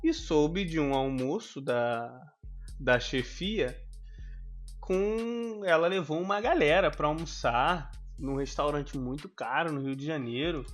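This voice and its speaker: A man's voice: fairly high pitch, slow, soft background music. A man with a Brazilian Portuguese accent who speaks in a slightly raised voice. He chats in a loose, joking manner and tells his story casually. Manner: joking, laid-back banter. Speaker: podcast co-host. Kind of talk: casual chat, anecdote telling.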